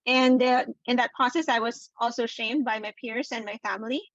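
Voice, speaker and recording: A woman's voice: a little high, steady tone, moderate pace, dry recording, dull audio. A woman, a therapist guest, speaks earnestly in a casual interview with frequent fillers and light laughs. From Philippines. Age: adult with a daughter. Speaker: sex and relationships therapist, guest.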